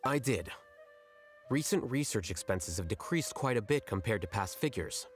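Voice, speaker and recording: A man acts out an analytical game sage in a fairly low register. He speaks formally and matter-of-factly, with measured composure and blunt economy. Music plays behind him. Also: animated, lightly acted. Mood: composed. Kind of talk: video game voice acting.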